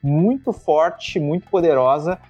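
A man's voice: fairly high pitch, animated, unhurried, a little mellow, husky, lo-fi sound, soft background music. A man who teaches communication, speaking in an interview and explaining things emphatically and bluntly, sometimes swearing casually. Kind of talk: conversational interview, analytical.

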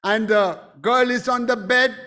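A man with a very high voice preaches slowly and deliberately, drawing out each phrase. He is the pastor delivering a sermon, and he keeps pressing his points with emphatic exclamations. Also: fairly even intonation, bright, forceful tone.

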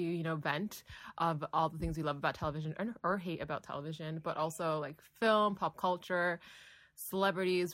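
A young woman in her twenties co-hosting a casual podcast, talking in a flat, drawling way with lots of fillers. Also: fairly low pitch, no room sound. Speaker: podcast co-host. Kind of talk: casual chat.

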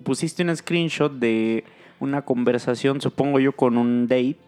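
A man's voice: medium pitch, fairly even intonation, a little slow, a little mellow, smooth, soft background music. Joking Mexican man hosting a podcast. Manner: joking, slangy, trailing off with filler words. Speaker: podcast host. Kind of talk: casual chat.

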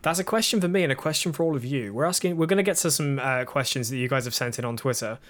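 A man's voice: mid-range voice, fast. A man co-hosting a podcast, chatting casually and enthusiastically while reviewing TV episodes. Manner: enthusiastic, talks over his co-host. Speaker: podcast co-host.

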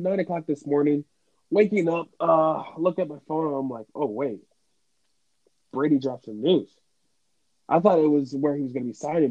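A man co-hosting a podcast, chatting casually and in an animated way about football, with quick asides. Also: a little high, no echo, phone-quality sound. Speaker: podcast co-host. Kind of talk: casual sports podcast chat.

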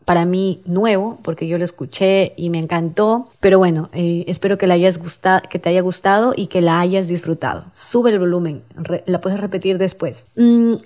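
Mellow, low-voiced woman hosting a talk show. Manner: earnest, addresses the listener directly, many fillers. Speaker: radio show host. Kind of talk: motivational talk show monologue.

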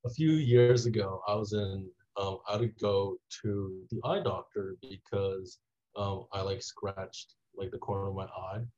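A young man from Taiwan, a student being interviewed, telling a rambling story full of "like" fillers that trails off quietly. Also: sits low, fairly even intonation, unhurried, slight background noise. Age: young adult. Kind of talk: casual interview. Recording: dull lo-fi audio.

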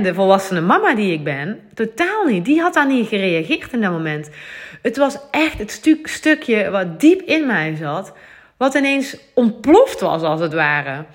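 A woman in her thirties with a Dutch accent, hosting a solo podcast in an earnest, confiding way, thinking aloud with many fillers. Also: mid-range voice. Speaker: podcast host. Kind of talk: reflective solo podcast talk.

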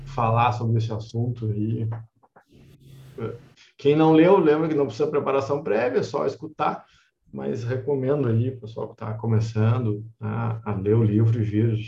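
A man with a gravelly, creaky voice hosts a live book club chat. He sounds relaxed and chatty and reads passages at a slow, deliberate pace. The sound is roomy and a little muffled, as if from a lo-fi setup. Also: medium pitch, slight background noise. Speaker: host of an online book club. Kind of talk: casual live-stream chat.

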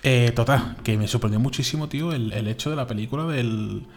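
A man from Spain with a Spain Spanish accent, co-hosting a podcast in casual, animated chat, full of fillers and repeats. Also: mid-range voice, fairly quick. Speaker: podcast co-host.

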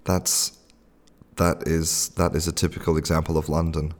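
A podcast host with a very deep voice tells a casual story, full of restarts and fillers, in a spoken monologue. His delivery is flat at a moderate pace, and the audio has a long reverb tail.

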